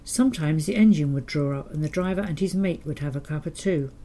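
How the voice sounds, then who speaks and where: An elderly woman reads from her memoir in a low, mellow voice. Her telling is gentle and quietly wry. She keeps an even storyteller's pace. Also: brisk. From England. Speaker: memoir narrator. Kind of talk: reading a childhood memoir.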